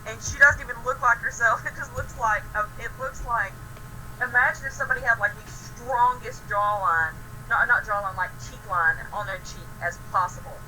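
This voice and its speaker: A young woman talks over the phone, her voice very bright and sitting a little high. She tells stories in an excitable, animated rush, swearing freely. A faint hiss of noise sits under the line. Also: moderate pace, poor audio. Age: young adult. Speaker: friend on a call. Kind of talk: casual chat.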